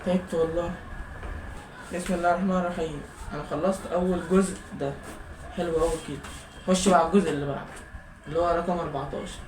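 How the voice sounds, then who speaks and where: An anxious Egyptian young man in his late teens carries a comic vlog monologue, pleading and exclaiming as a worried student. He talks quickly and fretfully. The recording sounds roomy and echoey, with loud steady noise behind him. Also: fairly high pitch. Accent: Egyptian Arabic. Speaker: high school student.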